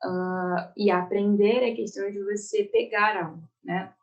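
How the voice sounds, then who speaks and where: A woman's voice: medium pitch, fairly even intonation, a little slow, lo-fi sound. Brazilian woman teaching, checking in often. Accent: Brazilian Portuguese. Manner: explains step by step, checks in with "né?" and "ok?". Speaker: Portuguese teacher. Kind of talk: online exam-prep lesson.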